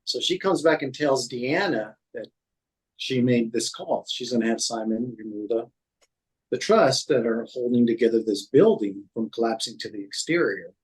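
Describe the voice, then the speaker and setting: Poor audio carries a slightly rough, medium-pitched male voice. The man, formerly a city code manager, recounts workplace happenings in an interview in a halting way, restarting often, using fillers, and relaying others' lines.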